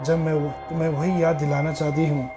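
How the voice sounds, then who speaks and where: A man voicing a sad, ghostly young woman in a spoken horror story, in a soft pleading tone. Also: on the high side, little pitch movement, fairly quick, over music, natural voice. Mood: wistful.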